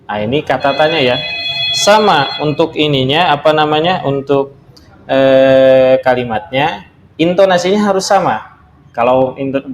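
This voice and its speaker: A man's voice: mid-range voice, roomy sound, a little hiss or hum. A man teaching beginner's Arabic from a textbook in a casual lesson, explaining step by step and drawing out each word as he demonstrates it. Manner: slow, drawn-out demonstration of words.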